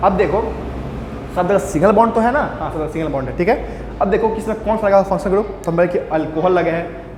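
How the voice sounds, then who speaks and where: A high-pitched male teacher runs a chemistry lesson, putting questions to the class and answering them himself. His voice rings through a roomy space with a long reverb tail. A faint hiss sits behind him. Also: a little mellow. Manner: counts atoms aloud while drawing. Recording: roomy echo, faint background noise.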